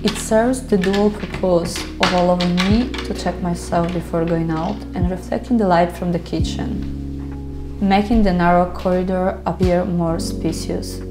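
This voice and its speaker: A woman from Ukraine who grew up in Italy, speaking as she calmly explains her home as an interior decorator. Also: on the low side, unhurried, over music. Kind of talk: home tour narration.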